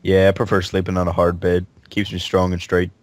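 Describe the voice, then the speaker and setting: A gruff, ageless mountain hermit, as a man acts him out, with a very low voice. He rattles off blunt, curt lines at a fast clip. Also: monotone, dry recording, close to an everyday voice. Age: older. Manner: blunt, curt country talk.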